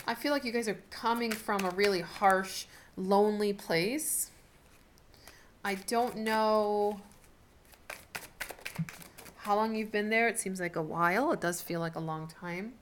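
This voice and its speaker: A woman hosts a video tarot reading, talking casually and without a script in a chatty, halting way as she thinks out loud. Her voice is medium-pitched with fairly even intonation. The camera is set up in front of her, and the recording has noticeable background noise with clicks.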